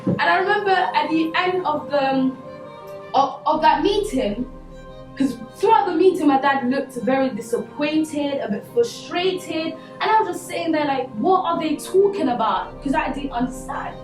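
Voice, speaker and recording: Her voice high and expressive at a moderate pace, a young Congolese woman visits a school to give students an earnest motivational talk, chatting conversationally with many "you know" fillers. Music plays behind her, and the distant mic records the echo of the school hall.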